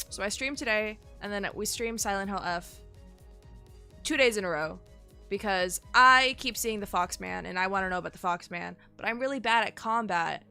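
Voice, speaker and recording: A woman with a mid-range voice and a sharp tone chats casually with her live-stream audience. She's sick, sounding nasal and sniffly, and she rambles and swears as she talks.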